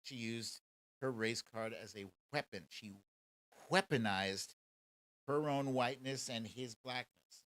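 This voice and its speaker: With a mid-range, fairly bright voice and no echo, an American man runs a live commentary show. His talk is loose and mocking as he remarks on things and takes questions from viewers in casual speech.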